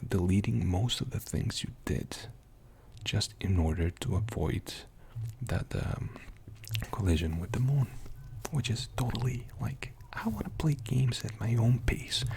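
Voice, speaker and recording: A young man whispering softly in an ASMR video, rambling casually with many fillers. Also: fairly low pitch, vocal fry. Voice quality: mostly unvoiced whisper. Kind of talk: whispered ASMR game show-and-tell.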